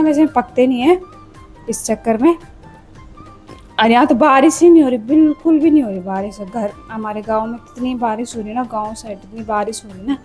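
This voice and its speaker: In her kitchen, a young woman vlogs while she cooks, chatting casually to viewers she calls "friends" and noting the heat has her hot and itchy. Her slightly high voice has a dark tone, recorded poorly on a clip-on mic.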